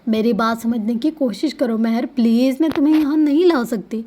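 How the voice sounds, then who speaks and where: A woman's voice: fairly high pitch, warm tone, slight background noise, close to an everyday voice. A woman voicing a helpless mother who pleads with her daughter, in a storybook reading. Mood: pleading.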